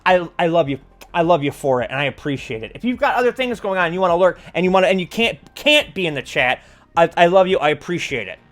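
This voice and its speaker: A man's voice: high-pitched, a bit bright. A man in his forties delivering an impassioned monologue as a livestream host, blunt and sweary, leaning hard on key words. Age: 40s. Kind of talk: impassioned monologue to an online audience.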